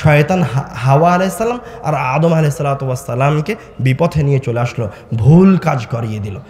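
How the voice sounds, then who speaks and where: Fervent high-voiced male preacher in echo. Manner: fervent, swinging from low murmurs to high shouted peaks, asks the crowd questions. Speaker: Islamic preacher. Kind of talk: sermon. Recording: echoey hall.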